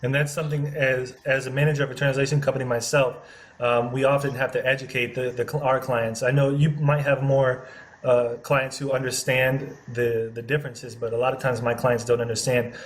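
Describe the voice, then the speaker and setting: Friendly male interviewer, mid-pitched, laughs often, slight background hiss. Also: little pitch movement, fairly quick. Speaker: interview host, translation company president. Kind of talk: casual interview.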